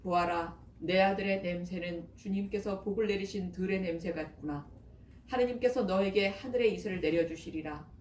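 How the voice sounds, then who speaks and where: A woman voicing an old father who speaks slowly and solemnly, in a scripture reading. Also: medium pitch, a little mellow, lightly acted. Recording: echoey, distant, faint noise.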